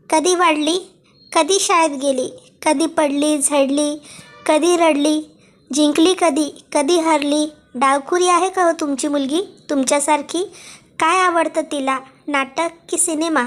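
A woman with a voice that sits high plays a defiant young woman confronting her absent father, her tone cold, sharp and cutting.

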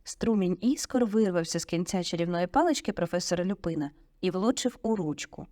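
A woman narrating an audiobook in a vivid, expressive storytelling manner on a close studio mic. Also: fairly low pitch, a little fast, no room sound.

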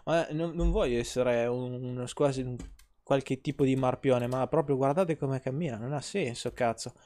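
A man's voice: medium pitch, normal speed, mellow. A man, streaming gameplay and ranting at his chat, swearing freely and teasing. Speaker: game streamer. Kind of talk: casual live-stream gameplay commentary.

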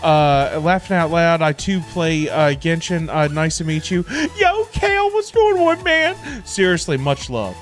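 A middle-aged American gamer hosts a relaxed livestream in his home streaming space, music playing in the background. His fairly high voice has a sing-song lilt, and he keeps a measured pace with hardly any pauses, rambling and repeating himself in loose slang.

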